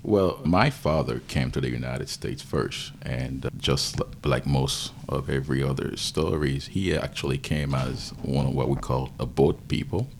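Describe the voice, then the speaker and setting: A man from Haiti with a Haitian accent, a podcast guest telling his story in a thoughtful, halting way with many fillers. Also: a bass voice, creaky, slight background noise. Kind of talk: casual interview.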